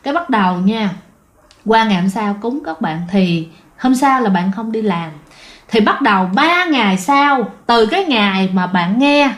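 A woman hosting a ghost story show, narrating in a chatty way and talking straight to her listeners. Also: a little high. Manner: chatty, addresses listeners directly.

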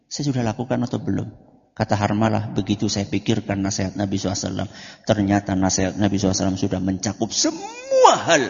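A man preaching at a religious study lesson, lively, asking his listeners questions and answering them himself. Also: lowish voice, gravelly. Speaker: Islamic preacher. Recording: lo-fi recording with long reverb.

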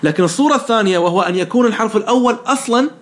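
A male teacher talks fast in a fairly high voice as he walks a student through grammar rules. He keeps firing short questions and praising correct answers. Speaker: teacher of Arabic morphology. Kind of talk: one-on-one lesson, question and answer.

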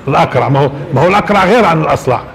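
High-voiced man lecturing in an echoing hall. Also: expressive, very fast, vocal fry, a bit bright. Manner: asks the audience rhetorical questions and chuckles often. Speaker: religious lecturer. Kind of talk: religious lecture to a live audience. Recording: reverberant hall with faint noise.

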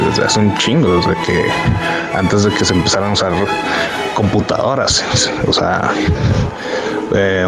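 A man with a Mexican accent explaining things informally and haltingly, searching for his words. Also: fairly low pitch. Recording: loud music behind the voice.

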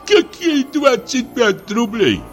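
A man's voice: extremely high pitch, wildly swooping pitch, slow pace, soft background music, pitched above the performer's own voice, heavily acted. A man voicing an old, hard-of-hearing retired naval captain who mishears and blusters. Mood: indignant. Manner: mishears, then blusters indignantly.

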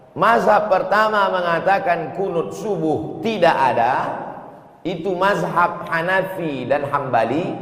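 A man preaches a dawn sermon in a mosque, his fairly high voice ringing through a roomy hall with a long tail of reverb. He lectures in a lively, teasing way, counting points off one by one.

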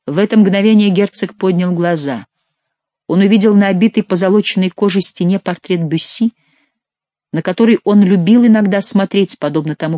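An audiobook narrator reading a historical novel in an expressive, theatrical way. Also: mid-range voice, no echo, highs cut off.

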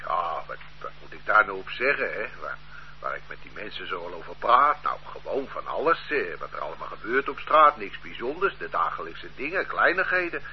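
Deep-voiced and fairly quick, an actor portrays a suspect in a radio drama, a laid-back older man idling on the street who chats away, bewildered by what he's accused of. The tone is lively, homely and protesting, and the lo-fi recording sounds dull with faint hiss.

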